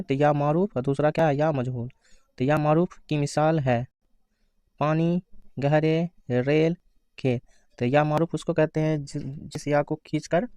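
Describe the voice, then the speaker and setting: Give me a man teaching an exam-prep grammar lesson in a fairly high, clear voice, recorded dry and close. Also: darkish tone, no room sound. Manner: asks questions then answers them himself; reads answer options slowly.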